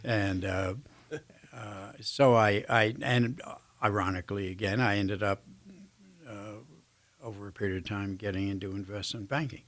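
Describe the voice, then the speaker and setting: An older American man, a guest in a casual interview, shares anecdotes in a reflective, self-deprecating way, feeling his way through his sentences. His voice is lowish and fairly bright, with a steady tone and moderate pace.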